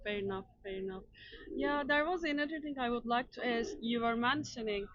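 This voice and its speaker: A woman's voice: a little high, a little fast, dull audio. Agreeable woman interviewer, dry sound. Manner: agreeable, echoes the other's words. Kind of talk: casual interview chat.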